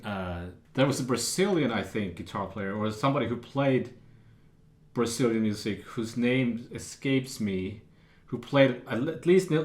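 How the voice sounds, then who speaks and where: A man giving a casual guitar lesson, explaining patterns in a relaxed way with fillers. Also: lowish voice, roomy sound. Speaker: guitar teacher. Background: acoustic guitar playing.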